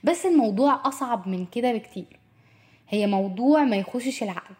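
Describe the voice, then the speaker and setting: A woman's voice: fairly high pitch, expressive, a little fast, darkish tone. A young woman radio host with an Egyptian Arabic accent, chatting casually and speaking straight to the listener. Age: young adult. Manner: chatty, addresses the listener directly.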